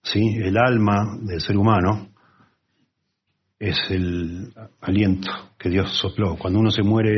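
A man preaching a conversational Bible sermon, with lively asides and acted-out quotes. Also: lowish voice, breathy edge, highs cut off.

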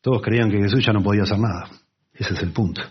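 A man preaching a conversational Bible sermon, with lively asides and acted-out quotes. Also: fairly low pitch, fast talker, husky, dull audio.

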